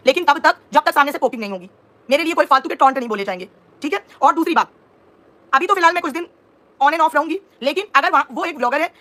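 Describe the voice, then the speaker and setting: A woman's voice: high voice, a bit bright. A woman in her thirties livestreaming as a reaction vlogger, indignantly explaining herself and answering viewers' comments. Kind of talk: live-stream talk to viewers.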